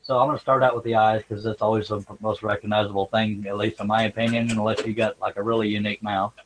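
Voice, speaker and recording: Folksy, lower-voiced man on livestream. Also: level tone, fast, a little hiss or hum, low-quality recording. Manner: folksy, joking. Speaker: livestream host, scroll saw craftsman. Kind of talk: casual live chat while working. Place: workshop.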